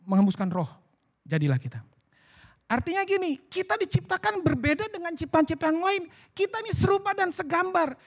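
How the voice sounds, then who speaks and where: A man preaching a sermon at a church service, in a lively, colloquial way that acts out bits of dialogue. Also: very high-pitched, a little fast. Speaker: pastor.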